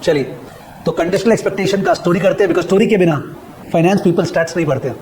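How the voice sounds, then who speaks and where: A middle-aged man lectures on finance with a fairly high voice. He is emphatic and keeps repeating key phrases, dictating them slowly for students to copy down. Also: a little mellow, a little hiss or hum, rough recording. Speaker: finance teacher. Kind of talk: classroom lecture mixing Hindi and English.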